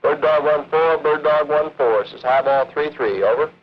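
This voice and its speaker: A man's voice: on the high side, moderate pace. Muffled helmet-radio military pilot, played by a man. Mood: businesslike. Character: businesslike male attack pilot on radio. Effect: helmet radio transmission. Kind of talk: clipped military radio procedure talk. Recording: muffled vintage film, radio noise, music behind.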